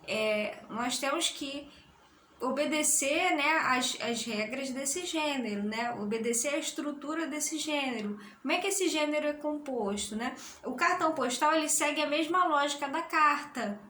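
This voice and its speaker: A woman's voice: high-pitched, moderate pace, pushed and bright, a little hiss or hum. A woman with a Brazilian Portuguese accent teaching a recorded classroom lesson, explaining patiently and often checking that her students follow. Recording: roomy echo.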